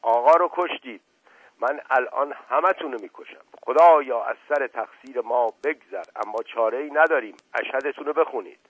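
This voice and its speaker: A man voicing an excitable, loyal rustic male servant who shouts in agitation. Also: medium pitch, slightly rough, no echo, natural voice. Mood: agitated shouting. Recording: narrow phone-like band, dry.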